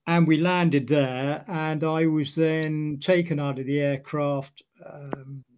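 An older man from Britain recounting his military past in an interview, halting with many fillers and dry humor. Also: fairly high pitch, steady tone, a little mellow, slight background noise. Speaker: interviewee, former Royal Marines officer. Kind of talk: oral history interview.

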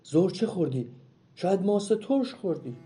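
A man voicing an old grandmother who is sharp-tongued, anxious and quick to scold. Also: big pitch swings, faint music behind, natural voice. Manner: high, loud and scolding.

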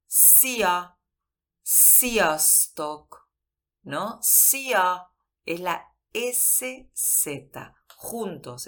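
A woman's voice: low voice, a bit bright. A woman teaching Hungarian pronunciation on a radio show, patiently repeating words and checking with the listener. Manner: patient, repeats words slowly, asks "¿no?" often. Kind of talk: radio language lesson.

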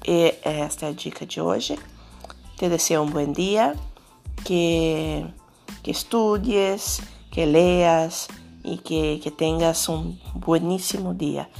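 Low-voiced Brazilian woman teaching Spanish. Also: vocal fry. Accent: Brazilian Portuguese. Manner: patient, with frequent "tá?" and "né?" checks. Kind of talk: explanatory language lesson.

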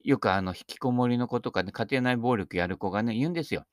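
A man's voice: medium pitch, fast talker, dry recording, studio quality. An older man missing his front teeth gives a casual, humorous, rambling monologue, chatty and self-deprecating. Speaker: speaker giving talks on Buddhist sayings.

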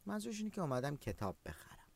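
Lively, expressive language teacher. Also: medium pitch, vocal fry, dry recording. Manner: expressive, acts out example phrases; affectionate toward students. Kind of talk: online language lesson.

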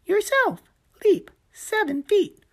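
A woman's voice: very high voice, big pitch swings, slow pace, pitched above the performer's own voice, heavily acted. A woman voicing an eager, cheerful little male gecko who coaches his friend in a storybook reading, chirpy and encouraging. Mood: coaxing.

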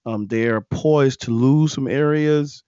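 A man's voice: medium pitch, unhurried, mellow, dry recording, muffled recording. A man from South Carolina hosting a political news podcast in a chatty way, talking to listeners as folks and reading election results. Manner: chatty, addresses listeners as folks, many fillers. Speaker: podcast host.

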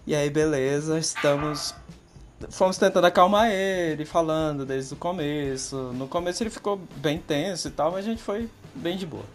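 A podcast co-host telling a funny story in an animated, casual way. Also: medium pitch, normal speed, soft background music.

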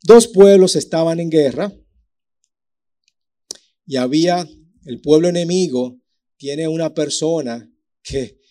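Man, preacher, animated storytelling, warm tone. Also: on the high side. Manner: lively storytelling with acted-out voices and sound effects. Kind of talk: sermon.

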